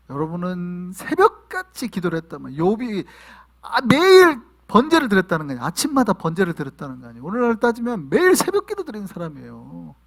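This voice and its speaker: A male pastor preaching a sermon to his congregation, asking them questions and sometimes shouting. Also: high voice. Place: church in New York.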